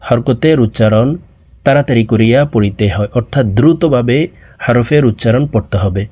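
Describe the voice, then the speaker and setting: A man teaching Quran letter pronunciation, slowly sounding out each letter for viewers to repeat. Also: mid-range voice, warm tone. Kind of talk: slow drilled pronunciation lesson.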